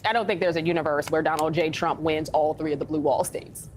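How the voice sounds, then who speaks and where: A woman's voice: low-pitched, steady tone, fast, slight background noise. A woman arguing politics insistently, repeating her points. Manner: insistent, repetitive. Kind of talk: political debate.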